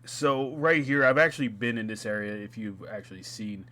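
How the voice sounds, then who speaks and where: A man's voice: on the low side, normal speed, bright, forceful tone. Chatty man narrating his gameplay. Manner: chatty, laughs at himself, restarts mid-sentence. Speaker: gaming YouTuber. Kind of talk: casual gameplay commentary. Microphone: home gaming mic.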